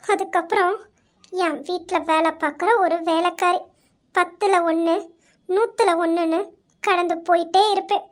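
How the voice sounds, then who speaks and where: Asha is a heartbroken young woman in an amateur audio drama, ashamed and full of self-blame, speaking in a very high, halting voice, as a woman acts her. She breaks off and restarts her lines as if close to tears. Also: fairly even intonation. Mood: tearful. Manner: tearful, halting, self-blaming. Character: young woman, ashamed and despairing after betrayal.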